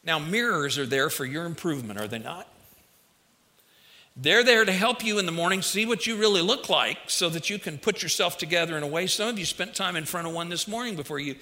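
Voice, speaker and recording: A man's voice: a little high, expressive, a little fast, bright, forceful tone. A man preaching a conversational, folksy sermon, addressing listeners directly, his speech slightly affected by wearing a dental retainer. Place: large hall, speaking to a congregation. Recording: long hall reverberation.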